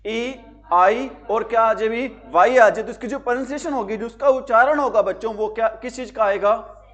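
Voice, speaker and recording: A man's voice: extremely high pitch, normal speed, a bit bright. A man teaching an exam-prep vocabulary lesson, repeating each question and answering it himself. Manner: repetitive, quizzing students with call-and-answer questions.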